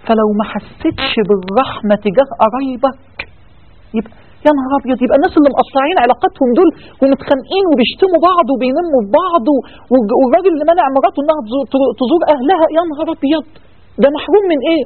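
A man's voice: very high voice, very fast. A man with an Egyptian accent giving a religious talk, firing rhetorical questions and acting out people's excuses. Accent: Egyptian Arabic. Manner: animated, rhetorical questions, acts out excuses of listeners. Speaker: preacher. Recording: tinny phone-like sound.

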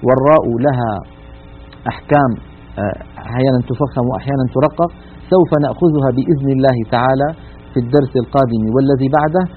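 A man teaching the rules of Quran recitation in a broadcast lesson, patient and methodical, slowly drawing out each example word. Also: medium pitch, slight background noise. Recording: tinny, narrow-band radio broadcast.

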